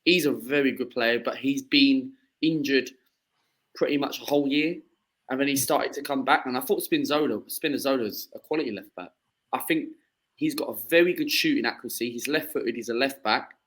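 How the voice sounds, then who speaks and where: A man's voice: mid-range voice, fairly quick, fairly bright tone, poor audio. A man in his twenties from southeast England, a football fan chatting as a podcast guest, rambling with many fillers and restarts. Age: 20s. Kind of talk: casual chat.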